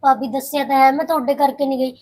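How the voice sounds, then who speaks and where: A woman's voice: sits high, fairly even intonation, very fast, a little mellow, natural voice. A woman playing a young, cheerful sister-in-law who teases and looks after her brother's wife in a family drama.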